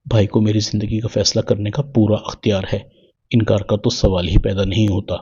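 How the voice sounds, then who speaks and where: A man's voice: fairly low pitch, little pitch movement, warm tone, slightly rough, muffled recording. A man reading a loyal younger brother. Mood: plain.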